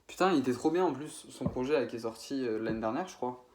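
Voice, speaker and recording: A man's voice: mid-range voice, lively intonation, fast talker, darkish tone, slight background noise. Give me a young man from France talking casually on camera, slangy and rambling. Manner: rambling, many fillers and self-corrections; slangy, informal French. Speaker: YouTuber ranking rap producers. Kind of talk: casual spoken ranking video.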